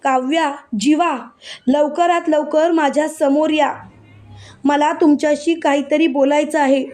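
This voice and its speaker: A woman voicing an angry, betrayed young wife who speaks loudly and indignantly and keeps repeating herself. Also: high voice, fairly even intonation, unhurried. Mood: furious.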